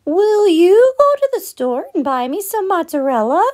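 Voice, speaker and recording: A woman voicing a bright, fussy little female hen in a read-aloud storybook, calling out in a high, emphatic voice. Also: big pitch swings, normal speed. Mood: chirpy, asking.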